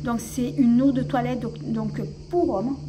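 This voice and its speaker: A woman's voice: fairly high pitch, steady tone, unhurried, background noise. Hesitant woman showing off her perfumes. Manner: hesitant, many fillers and restarts. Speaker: beauty vlogger. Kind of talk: casual show-and-tell vlog.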